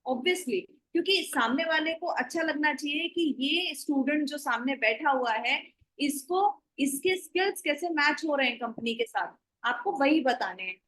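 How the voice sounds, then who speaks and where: A woman with a high voice teaches a class online, talking into a computer mic. She moves between Hindi and English as she explains points and tells the class what to do. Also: lively intonation, moderate pace, fairly bright tone, poor audio. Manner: mixes Hindi and English, gives instructions.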